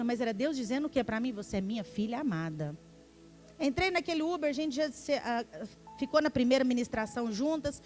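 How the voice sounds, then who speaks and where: A middle-aged woman from Minas Gerais, preaching a sermon as an apostle. She tells stories in an animated way and acts out the dialogue, sometimes dropping to hushed tones. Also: sits high. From Minas Gerais, Brazil. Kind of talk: storytelling sermon. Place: church sanctuary.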